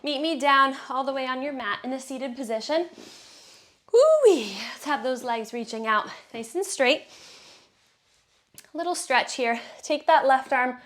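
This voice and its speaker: A woman's voice: high-pitched, normal speed, a bit bright. A woman leading a workout, counting reps and cueing breaths in an encouraging way, a little out of breath as she exercises along. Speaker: fitness instructor. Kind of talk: guided workout instruction.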